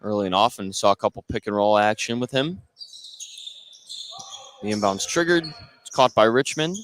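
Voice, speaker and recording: A play-by-play sports commentator calls a basketball game on live radio in short, clipped phrases, with a bouncing ball audible behind him. His lowish voice is lively in intonation, a bit bright, and at normal speed, with a little hiss or hum.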